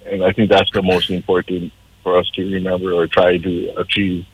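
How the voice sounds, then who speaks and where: On a casual radio show, a council candidate from Hawaii makes his case in an earnest, persuasive, civic-minded way. He has a low, monotone voice at a moderate pace over a noisy background, captured in slightly dull lo-fi sound.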